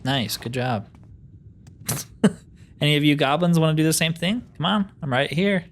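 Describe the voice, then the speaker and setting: A gamer narrates a roleplay playthrough with casual commentary, thinking aloud and dropping dry, joking asides. His fairly high voice is expressive at a normal speed, with game music and slight noise in the background.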